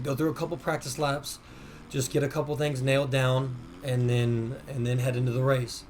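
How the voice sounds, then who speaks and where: A hoarse man hosting a gaming channel, talking casually over gameplay as he explains racing tips. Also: medium pitch, slight background noise. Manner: laid-back, peppers talk with "man". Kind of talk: casual game tutorial voice-over.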